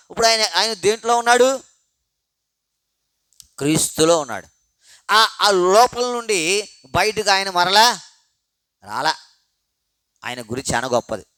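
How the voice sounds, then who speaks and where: High-voiced man preaching with bursts of emphasis. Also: smooth, no room sound. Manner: rhetorical questions answered by himself; swings between loud emphasis and quiet low asides. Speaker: pastor. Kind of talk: sermon. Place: church prayer meeting. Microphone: handheld microphone.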